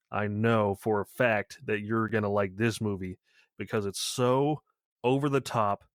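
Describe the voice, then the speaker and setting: A man's voice: fairly low pitch, dry recording, clean studio sound. A man leaving a long, rambling voicemail for a podcast, talking casually with lots of filler sounds. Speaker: caller to a podcast.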